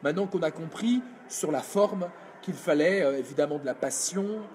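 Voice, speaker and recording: A man coaching public speaking in a live video workshop, energetic and demonstrative, answering viewers' comments. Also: on the high side, moderate pace, a little hiss or hum. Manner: energetic, demonstrative, reads chat comments aloud.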